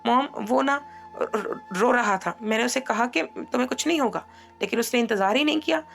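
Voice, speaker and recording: A woman's voice: on the low side, fairly even intonation, fast talker, soft background music, lightly acted. A woman voicing a grief-stricken young woman who is crying and stammering through her tears. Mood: sobbing grief.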